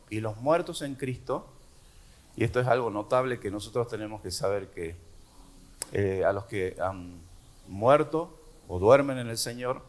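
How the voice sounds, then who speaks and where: A man from Argentina with an Argentine Spanish accent, preaching a sermon at an unhurried pace with fillers and repeated words. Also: fairly low pitch. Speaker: pastor.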